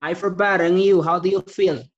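A man from the Dominican Republic, a student in an online English class, speaking halting English with pauses and fillers. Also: sits high, fairly even intonation, highs cut off.

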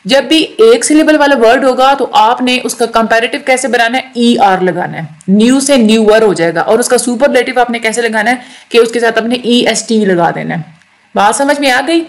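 A woman teaching a recorded lecture, explaining slowly, repeating words and checking in often. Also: on the high side. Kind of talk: recorded lecture on English grammar.

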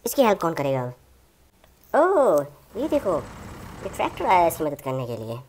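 Excitable woman narrating toy play. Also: lowish voice, normal speed, a little hiss or hum. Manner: excitable, exclamatory. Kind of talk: excited playful narration for children.

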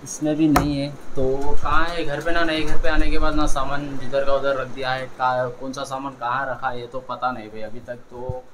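A man's voice: mid-range voice, little pitch movement, moderate pace, few pauses, noisy background. A man chatting casually on his vlog, rambling and repeating himself as he calls his viewers brother, filmed outdoors on a rooftop with a phone. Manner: rambling, repetitive, addresses viewers as bhai. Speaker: vlogger. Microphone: phone camera.

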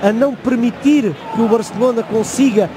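A man with a European Portuguese accent giving analytical football co-commentary, explaining in halting phrases. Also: very high voice, crowd noise. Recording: clear outdoor stadium noise behind.

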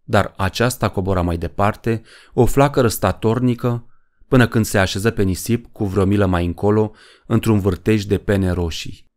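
A man narrating a horror story in a measured, dramatic way. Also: on the low side, darkish tone. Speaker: audiobook narrator.

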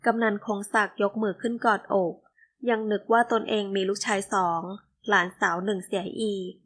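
A woman narrating a romance novel, reading every character herself in a gentle, even voice. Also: medium pitch, moderate pace. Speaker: audiobook narrator.

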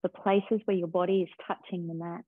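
Woman leading a slow breathing meditation, lowish voice, dry tinny phone-like sound. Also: no echo. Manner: slow, calm, soothing guidance. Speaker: yoga and breathwork teacher.

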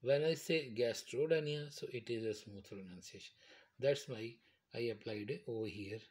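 Man slowly explaining medical terms. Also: on the low side, darkish tone, husky. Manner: slow, repetitive, explains step by step. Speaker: teacher. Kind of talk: medical terminology lecture.

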